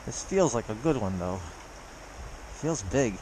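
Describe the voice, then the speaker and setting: Wading in a cold creek, a fly-fishing vlogger chats to viewers through a face mask that muffles his medium-pitched, slightly slow voice. He's frozen but excited, chuckling through casual running commentary, recorded on a body or handheld camera with slight background noise and low quality.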